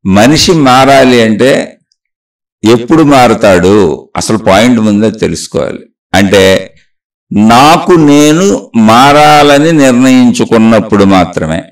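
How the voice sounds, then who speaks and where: A man's voice: medium pitch, animated, a little slow, long pauses, far from the mic. A man giving a spiritual talk, preaching earnestly through a string of repeated rhetorical questions. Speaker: spiritual speaker.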